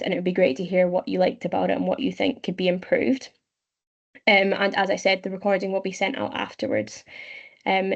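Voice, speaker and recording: A Scottish woman in her twenties presenting an online webinar, explaining steadily with frequent pauses. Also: mid-range voice, vocal fry, muffled recording. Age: 20s. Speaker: webinar presenter, young leader. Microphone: video call.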